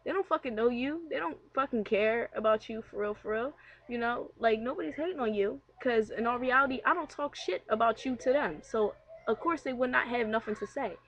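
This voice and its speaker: Higher-voiced young woman on a candid rant. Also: brisk, a little hiss or hum, rough recording. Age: young adult. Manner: candid, conversational, slangy, swears freely. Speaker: vlogger. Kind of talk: casual personal rant.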